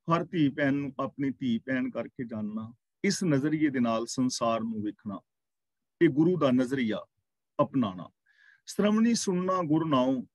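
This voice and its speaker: A man teaching a scripture class, reciting verses slowly and then explaining their meaning word by word. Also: on the high side, no room sound.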